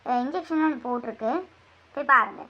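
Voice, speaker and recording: A woman voicing a brisk hospital nurse in a homemade family skit, calmly giving instructions about tests, rest and medicine. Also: on the high side, pitched below the performer's own voice. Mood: instructing. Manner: matter-of-fact, giving instructions. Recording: dull lo-fi recording.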